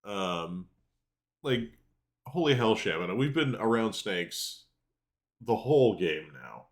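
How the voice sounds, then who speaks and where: A man with a low voice comments casually on the game he is playing. He mutters to himself and swears offhandedly. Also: sing-song, slow. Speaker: gamer playing and reading out a game.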